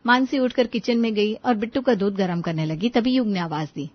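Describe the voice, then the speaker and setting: A woman's voice: medium pitch, a little fast, no room sound, dull audio. A woman narrating a scripted bedtime story with sympathy for its heroine.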